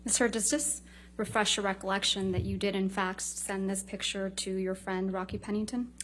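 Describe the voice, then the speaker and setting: A woman's voice: mid-range voice, level tone, fairly quick, fairly bright tone, slight background noise. A woman lawyer cross-examining a witness in a courtroom, firing clipped, leading questions that often end in a short tag.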